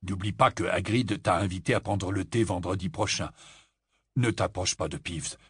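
A steady, gentle father in an audiobook, dropping low and soft with a husky edge, as a man voices him. The sound is close and dry. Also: normal speed, no echo, heavily acted. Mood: reassuring. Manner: gentle, firm, reassuring. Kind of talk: audiobook character voice.

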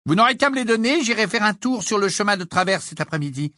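A man's voice: high-pitched, expressive, fast, sharp tone, no echo, studio quality, voice pushed up. A man voicing a busy, practical middle-aged mother witch in an audiobook. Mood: brisk.

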